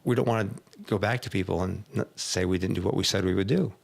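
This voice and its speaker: Gravelly low-voiced man coaching, lively. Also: fast. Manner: animated storyteller, acts out clients' voices, laughs often. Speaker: executive coach, podcast host. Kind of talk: casual conversation.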